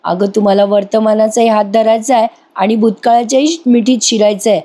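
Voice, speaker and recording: A woman voicing a scheming older woman who scornfully accuses a young bride. She reads the lines in her own mellow voice. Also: a little high, fairly even intonation, fairly quick, close to an everyday voice.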